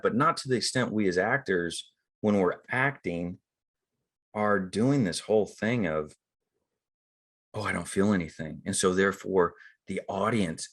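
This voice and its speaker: A middle-aged man, an acting coach, talking casually about screen acting and acting out the thoughts he quotes. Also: fairly low pitch. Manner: conversational, acts out quoted inner thoughts. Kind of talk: casual teaching talk on acting.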